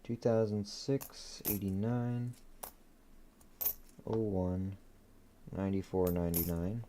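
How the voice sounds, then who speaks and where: Mellow low-voiced man hosting a coin stream. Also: little pitch movement, takes it slowly, a little hiss or hum. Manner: reads coin dates off in a quiet murmur, chatty asides; easygoing, laughs at his own dad jokes. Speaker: coin-hunting live-stream host. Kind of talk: casual live-stream commentary.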